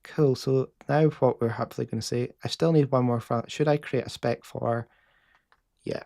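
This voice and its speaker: A man's voice: medium pitch, steady tone, moderate pace, vocal fry, dark tone. A man with a Scottish accent casually explaining a live coding session as host, with frequent fillers and restarts.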